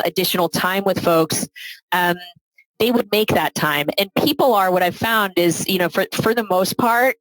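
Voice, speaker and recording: A middle-aged woman, a philanthropy advisor, speaks as a guest in a podcast interview, reflective and frequently tacking "right?" onto her sentences. Her voice is lowish, and the recording is dry and low-quality.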